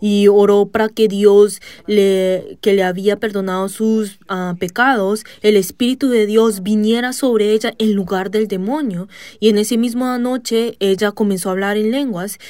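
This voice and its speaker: A woman giving a church testimony in a measured storytelling manner, pausing on "ah" fillers and breaking into loud shouted commands. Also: medium pitch, steady tone, no room sound. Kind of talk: spoken testimony sermon.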